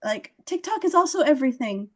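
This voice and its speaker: A bright, high-pitched woman hosts a relaxed conversation. She is animated and enthusiastic, jumping into playful impressions as she makes her points. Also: fairly quick. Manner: animated, enthusiastic, acts out quotes. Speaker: host. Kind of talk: casual advice chat.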